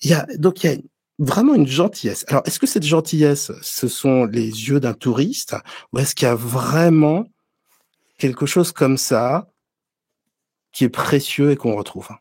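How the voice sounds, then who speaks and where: Man, husky voice, dry sound, relaxed host, casual chat with stammered restarts. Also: medium pitch, a little slow, no room sound.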